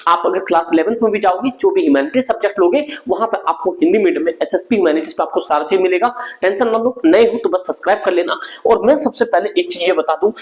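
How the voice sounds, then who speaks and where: A man's voice: sits high, low-quality recording. A young man teaching an exam revision lesson in an informal, brotherly way, often checking that students follow along.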